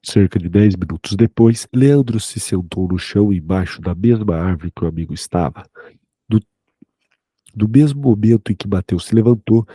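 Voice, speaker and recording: A man narrating a horror short story in a steady, even reading. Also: lowish voice, husky, dry recording.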